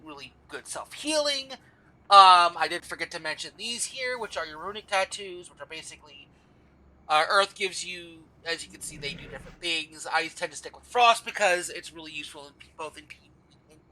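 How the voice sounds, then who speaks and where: A man's voice: sits high, lively intonation, moderate pace, pushed and bright, rough recording. A tired man talking through a game class in a casual guide voice-over, rambling and often stopping to correct himself. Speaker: gamer explaining a game class.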